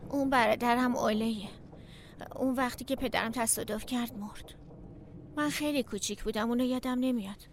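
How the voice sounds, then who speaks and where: A woman voices a quiet young woman in a dubbed film, speaking softly and questioningly. Her voice is on the high side, and clear background ambience surrounds it. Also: steady tone, slight background noise, lightly acted. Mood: wistful.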